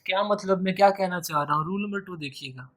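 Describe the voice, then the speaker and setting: Speaking quickly in a high-pitched voice, this male English teacher from Pakistan gives a grammar lesson for exam preparation, going over key phrases again and drawing out the words he uses as examples.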